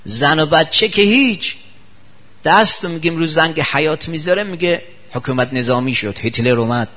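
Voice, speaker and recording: A man preaching a religious sermon in a somewhat high, husky voice. He tells homely stories and acts out the people in them, his pitch leaping up for their lines. The delivery is lively and storytelling. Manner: acts out quoted people with sharp pitch jumps. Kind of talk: Persian sermon with anecdotes.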